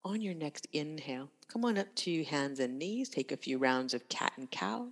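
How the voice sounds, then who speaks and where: A woman instructor guiding a yoga class with calm, unhurried cues in short, breath-led phrases. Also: sits low. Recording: long reverberant room echo.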